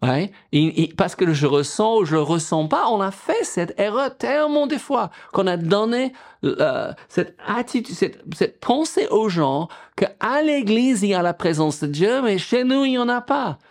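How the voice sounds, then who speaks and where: A man's voice: high-pitched, big pitch swings, a little slow, hardly any pauses. A middle-aged male pastor preaching a sermon, quoting scripture and asking the congregation questions.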